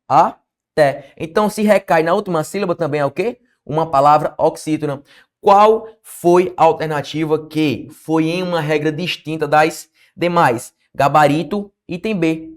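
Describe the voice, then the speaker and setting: A Brazilian man teaching an online exam-prep grammar lesson, talking lively and answering his own questions as he goes. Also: fairly high pitch. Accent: Brazilian Portuguese.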